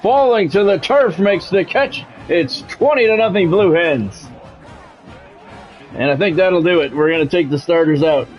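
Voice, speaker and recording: Over soft background music, a man with a high voice speaks a little slowly as a streamer and play-by-play commentator. Calling a sports video game live, he alternates between announcer-like calls and relaxed chat with viewers.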